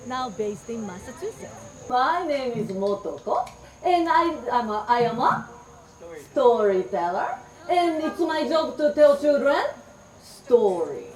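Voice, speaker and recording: Performing folk tales for a room of children, a middle-aged Japanese storyteller uses a high, swooping, sing-song voice full of bright, playful energy. She speaks slowly and clearly, coaxing the kids to repeat words back. Because the mic sits well back and far away, her voice carries a roomy echo with faint background noise.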